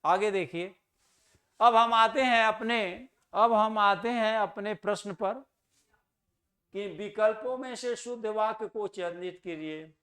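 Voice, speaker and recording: In a high voice with a sharp tone, a man leads a Hindi grammar lesson for exam candidates. He answers his own questions and slowly repeats key words to emphasise how they're pronounced.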